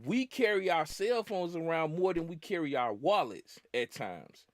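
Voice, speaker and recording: A man's voice: on the high side, expressive, moderate pace, dry recording, clean studio sound. A young man hosting a podcast in casual, slangy chat, often laughing as he talks. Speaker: podcast host.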